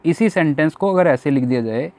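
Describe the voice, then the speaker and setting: A man's voice: a little high, expressive, brisk, warm tone. A man teaching English grammar for exam preparation, explaining each rule step by step and asking and answering his own questions. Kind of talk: exam-prep grammar lesson.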